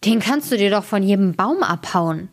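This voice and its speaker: A woman's voice: medium pitch, lively intonation, moderate pace. A woman voicing an old male tailor, a doubtful father who scoffs in disbelief, in a storybook fairy tale. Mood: scoffing. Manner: incredulous, scoffing questions.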